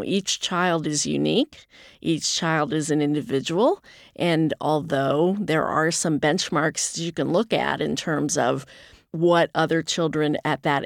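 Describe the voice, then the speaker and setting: A nonprofit chief executive from the United States, a woman in her sixties, speaks as an interview guest in a low, fry-tinged voice. She explains things earnestly and conversationally, laughing now and then. The recording is studio quality with no echo.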